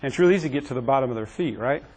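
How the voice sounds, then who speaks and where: A man's voice: medium pitch, animated, racing, a little mellow, poor audio. A man teaching a classroom EMS training session, quizzing his trainees and joking with them. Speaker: EMS instructor.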